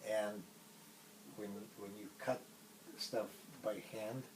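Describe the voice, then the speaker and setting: Man, Polish accent, native Polish speaker, lowish pitch, halting casual interview talk, faint background noise. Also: fairly even intonation, recorded from a distance. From Poland. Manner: halting, pausing often mid-phrase.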